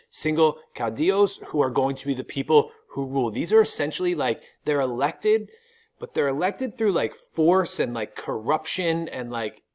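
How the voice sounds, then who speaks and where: A middle-aged American man teaching history in an informal video lecture, explaining things in a colloquial way with casual asides. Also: medium pitch.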